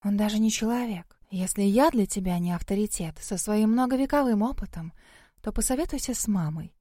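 A woman voicing a sarcastic, disapproving female spirit centuries old, who often talks in a hushed tone. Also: medium pitch, fairly quick, no echo, clean studio sound, close to an everyday voice. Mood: lecturing.

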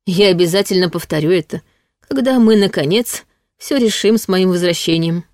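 A woman reading the lines of a protective, teasing male demon in an audiobook, speaking in a low, insistent way. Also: normal speed, a little mellow, dry recording, studio quality, natural voice.

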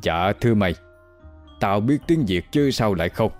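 A man's voice: on the low side, animated, normal speed, a little mellow, soft background music, close to an everyday voice. A man voicing a friendly foreign man who teases in odd, stilted phrasing. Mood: teasing.

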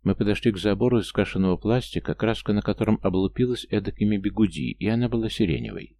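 A man's voice: fairly low pitch, fast talker, dark tone. A man narrating a first-person story in a dry, wry manner. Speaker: audiobook narrator.

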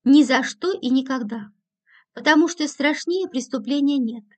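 Woman audiobook narrator; first-person, ironic, high-pitched. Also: normal speed. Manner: dry and ironic.

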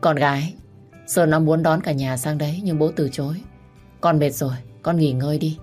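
A woman voicing a weary, grieving older father who speaks gently and with resignation, in a storybook reading. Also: deep voice, fairly even intonation, normal speed, faint music behind, lightly acted.

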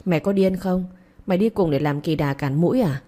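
A woman's voice: on the low side, a little fast, mellow, natural voice. A woman voicing a mischievous young husband in a spoken story, bossy and coaxing by turns.

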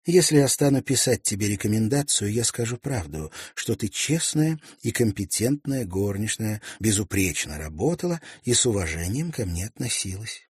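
A man voicing a lonely young gentlewoman who speaks gently but decisively, in an audiobook. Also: fairly low pitch, animated, moderate pace, few pauses, breathy edge, dry recording, clean studio sound, voice pushed up. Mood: gentle soothing. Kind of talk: audiobook character voice.

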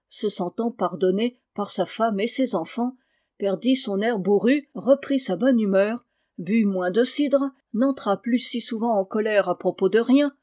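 A woman's voice: on the high side, darkish tone. Woman reading a classic storybook. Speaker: audiobook reader. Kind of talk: storybook narration.

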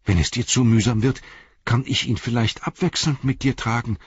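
A man's voice: mid-range voice, fairly even intonation, normal speed, breathy edge, no echo, pitched above the performer's own voice. A man reading an audiobook, voicing a loyal, plain-spoken male hobbit servant who talks earnestly and reassuringly, in a dull, dry recording. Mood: worried.

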